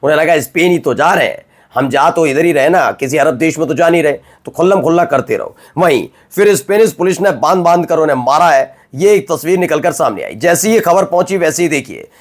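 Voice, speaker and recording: A man's voice: fairly high pitch, animated, a little fast. A man presenting the news in a conversational, emphatic way, asking rhetorical questions of his viewers. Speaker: news anchor.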